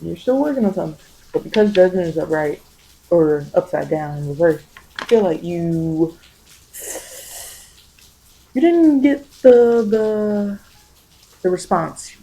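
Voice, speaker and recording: Speaking in an improvised ASMR manner, this tarot reader sits at a moderate pitch with a mellow sound and lively intonation. Phrases get repeated and reworked in a hesitant, reflective flow throughout the reading, and the poor-quality audio carries some hiss or hum.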